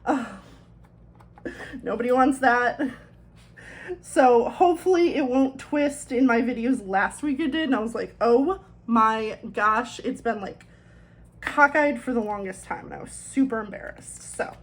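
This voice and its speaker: While decorating a planner, a woman vlogger chats casually and rambles through self-deprecating asides. Her fairly high voice is a little thick because of swollen tonsils.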